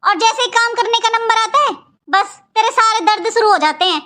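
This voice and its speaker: A woman voicing a sharp-tongued, scolding elderly mother-in-law in a Hindi cartoon. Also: extremely high pitch, fairly quick. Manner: nagging, accusing, lecturing.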